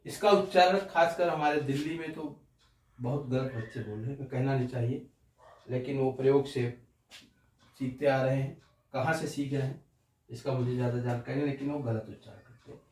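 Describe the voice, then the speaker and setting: A male Hindi teacher giving a classroom-style pronunciation lesson, slowly drilling syllables one by one. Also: mid-range voice, fairly even intonation, darkish tone. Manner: slow, deliberate syllable-by-syllable drilling. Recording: roomy, distant mic.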